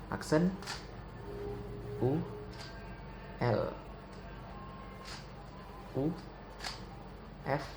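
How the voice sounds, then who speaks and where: A young man talks at an unhurried pace in a casual tutorial, calling out each move one at a time. His voice sits at a middle pitch. The recording is roomy and echoey, with clear background noise. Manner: relaxed, slow, calls out move notation. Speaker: Rubik's cube tutor. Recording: echoey room with audible noise.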